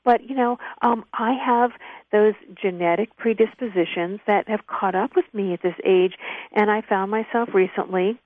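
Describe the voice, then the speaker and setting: A woman in her fifties, an author and actress, chatting as a radio interview guest, self-mocking and full of animated stories. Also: medium pitch, moderate pace, no room sound. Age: 50s. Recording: dry tinny phone-line sound.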